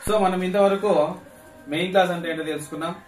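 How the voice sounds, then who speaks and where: Fast, high-voiced teacher in an echoey classroom. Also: male voice, fairly even intonation, faint music behind. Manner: call-and-response questioning, repeats key terms. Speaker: English teacher. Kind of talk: classroom grammar lesson. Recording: echoey classroom, mic at a distance, faint noise.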